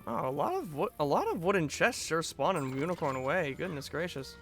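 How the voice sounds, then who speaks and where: A man's voice: on the high side, big pitch swings, brisk, a bit bright, soft background music. A man giving casual gameplay commentary as a streamer, musing to himself with mild exclamations. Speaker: game streamer.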